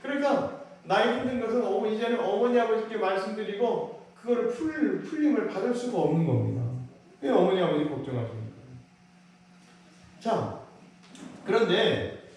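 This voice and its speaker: A man's voice: high-pitched, lively intonation, normal speed, a little mellow. A middle-aged male pastor preaching a sermon, telling a childhood story and asking the congregation rhetorical questions. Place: church sanctuary. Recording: very echoey church hall from a distance, faint noise.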